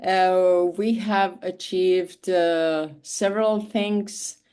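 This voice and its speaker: A Swiss woman in her fifties, a leadership coach, introduces herself on a video call, hesitating often with fillers and restarts. Her fairly low voice is clear, resonant and somewhat dark, with a steady tone and an extremely slow pace.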